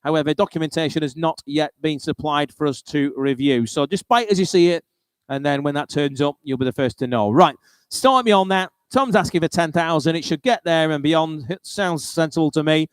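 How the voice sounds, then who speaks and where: A man's voice: a little high, brisk, smooth, no room sound. A British man working as an auctioneer, calling lots and repeating bids in a rolling chant, with informal, chatty asides.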